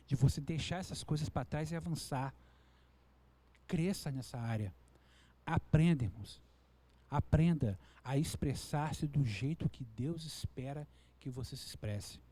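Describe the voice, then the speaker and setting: Earnest Brazilian pastor, mellow tenor. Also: male voice, breathy edge. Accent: Brazilian Portuguese. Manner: earnest preaching, acts out quoted people in a higher voice. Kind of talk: sermon.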